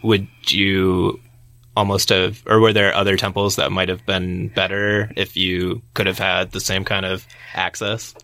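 A man's voice: low-pitched, little pitch movement, measured pace, sharp tone, dry recording. A man hosting a casual interview, recapping the guest's answers and prompting her with questions. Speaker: podcast host.

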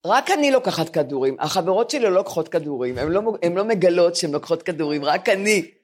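An older woman in her seventies tells comic stories about getting old, mocking herself with animated swings in her voice. She co-hosts a chat podcast taped live in front of building residents. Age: 70s. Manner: animated, self-mocking, lively jumps in pitch. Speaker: podcast co-host.

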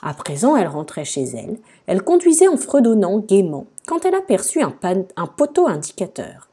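Husky woman reading a kids story out loud, slow and mellow, pitch all over the place. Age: adult, studied in the past. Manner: expressive, dramatic storytelling. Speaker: podcast host, osteopath and coach. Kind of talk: reading a children's story aloud.

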